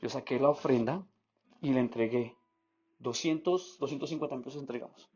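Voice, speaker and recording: A pastor from Bogotá, Colombia, speaking Bogotá Spanish, tells a testimony story in a sermon, animatedly acting out the voices of the people in it. His mid-range voice is fairly quick and husky, with faint music behind and slightly dull lo-fi sound.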